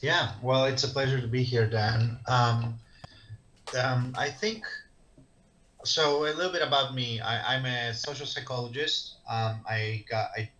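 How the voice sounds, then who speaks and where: Greek-born man in his thirties, interview guest on a video call; bright, tense voice, halting delivery, dull lo-fi audio. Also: mid-range voice, steady tone. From Greece. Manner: hesitant, many ums and restarts. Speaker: guest, social psychologist.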